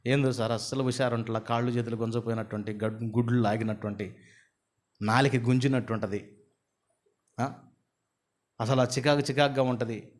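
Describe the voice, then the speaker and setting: A man's voice: medium pitch, level tone, normal speed, pauses often, close to an everyday voice. A man, voicing a weary, restless man who pours out rambling complaints to a doctor. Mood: complaining. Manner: plaintive, rambling, tumbling complaints.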